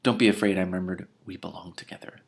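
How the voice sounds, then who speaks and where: A low-pitched man with vocal fry speaks quickly in a steady tone. He's hosting a read-aloud of a novel, cutting in with casual, sarcastic, irreverent remarks and incredulous outbursts between passages.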